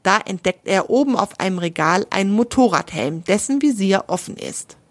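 A woman's voice: medium pitch, lively intonation, normal speed, no echo. A woman narrating a children's animal story, stopping to explain words to young listeners.

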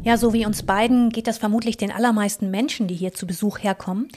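A woman's voice: medium pitch, steady tone, fast, a little mellow. A woman co-hosting a travel podcast, explaining in an engaged, conversational storytelling manner. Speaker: co-host.

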